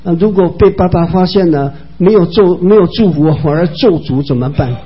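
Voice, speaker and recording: Preacher voicing a fretful timid younger son. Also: male voice, high-pitched, brisk, slightly rough, lo-fi sound. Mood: worried. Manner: hesitant, fretful pleading.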